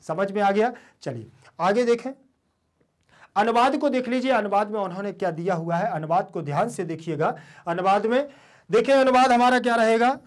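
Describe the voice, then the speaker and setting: A man giving an online lesson and walking students through a Sanskrit text. He says each meaning twice and keeps asking questions he then answers himself. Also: sits high. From India. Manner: repeats each meaning and asks rhetorical questions. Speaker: teacher.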